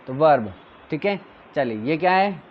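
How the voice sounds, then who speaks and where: A man's voice: on the high side, expressive, a little slow, lo-fi sound. A male teacher giving a classroom grammar lesson, drilling his students with questions and answers.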